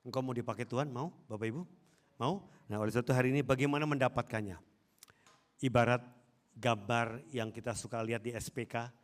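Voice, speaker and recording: A man's voice: medium pitch, steady tone, fairly quick. A man from Indonesia preaching a sermon as pastor, exhorting and asking the congregation questions. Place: church hall.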